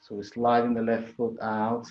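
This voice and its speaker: A man with a fairly average-pitched voice guides a yoga class. He talks conversationally, pausing and rephrasing as he demonstrates. The sound is dull and carries a clear room echo. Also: monotone, faint music behind. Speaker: yoga instructor.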